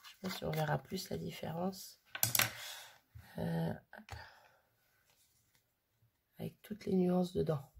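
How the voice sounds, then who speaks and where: A woman's voice: low voice, steady tone, takes it slowly, gravelly, long pauses, warm tone, a little hiss or hum. A woman chatting casually through a hands-on craft demo, full of fillers and little "hop" sounds as she works. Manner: chatty, filler-heavy, frequent "hop" while working. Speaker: crafting vlogger.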